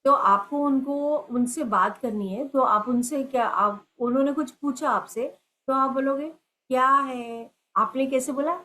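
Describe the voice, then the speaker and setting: A middle-aged woman giving a gentle spiritual talk as a meditation teacher, slow and teacherly, full of everyday examples. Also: high voice, poor audio. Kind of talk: spiritual talk mixing Hindi and English.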